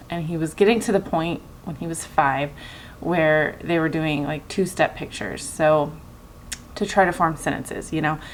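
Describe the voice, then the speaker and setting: Lower-voiced woman, earnest personal vlog. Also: slight background noise, rough recording. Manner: earnest, emphatic repetition. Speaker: vlogger and parent. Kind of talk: casual personal storytelling to camera.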